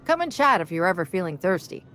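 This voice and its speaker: A woman's voice: lowish voice, big pitch swings, fast talker, fairly bright tone, slight background noise. An actress playing a stern, no-nonsense female bar owner in a game, firm and dry. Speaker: game character.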